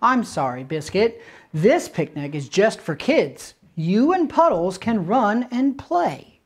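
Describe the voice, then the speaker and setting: A man voicing a cheerful little girl in a storybook, with a bright sing-song way of talking. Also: sits high, very animated, slow, full character voice. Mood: gentle.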